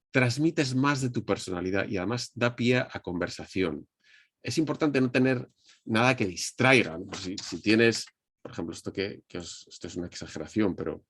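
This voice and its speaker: A man's voice: lowish voice, no room sound, clean studio sound. A man with a Madrid Spanish accent, giving a conversational online presentation lesson on a webcam, speaking straight to his audience with frequent restarts. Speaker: communication trainer. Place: indoors at a desk under a ring light. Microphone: webcam on video call.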